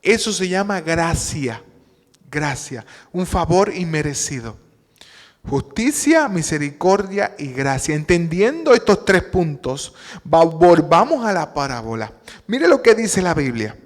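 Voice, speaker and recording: A man with a Puerto Rican accent delivers a sermon, his voice sitting high. He tells a story and acts out its dialogue calmly. The sound carries the long reverb of a church hall. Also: unhurried. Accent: Puerto Rican Spanish. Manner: storytelling, acting out dialogue in a calm voice. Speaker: pastor.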